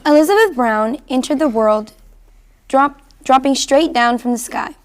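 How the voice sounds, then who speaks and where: A woman's voice: sits high, measured pace. A woman hosting a children's reading show, reading a rhyming picture book aloud to a kindergarten class.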